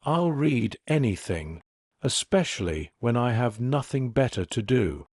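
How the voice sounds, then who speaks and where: A man's voice: medium pitch, animated, a little slow, a little mellow, no room sound, studio quality. Man reading as a teasing young woman.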